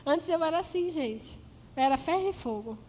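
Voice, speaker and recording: A woman's voice: high voice, animated, normal speed, darkish tone, in a large hall, slight background noise. A woman from Paraná, Brazil, preaching a sermon and telling stories by acting out both sides of each exchange. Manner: storytelling, acting out dialogue.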